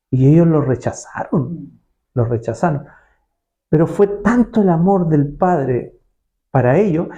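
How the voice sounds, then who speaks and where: A male preacher delivers a sermon in a dark, mellow voice. He repeats himself, asks rhetorical questions and keeps checking with his listeners. The recording sounds dull and lo-fi. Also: a little high.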